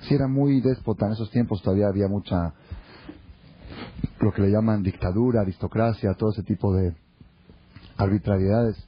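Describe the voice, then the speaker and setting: A man giving a Torah class as a sermon, telling parables and acting out the characters' lines in an animated way. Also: on the low side, a little fast, pauses often, a little hiss or hum. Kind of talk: sermon with storytelling. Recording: muffled lo-fi recording.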